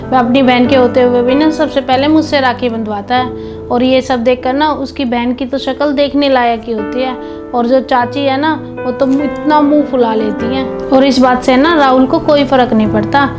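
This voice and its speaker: Young newly married daughter-in-law played by a woman, earnest, chatty, high voice, family drama, background music. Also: fairly even intonation, normal speed, natural voice. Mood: eager. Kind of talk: scripted home video family drama. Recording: background music under dialogue.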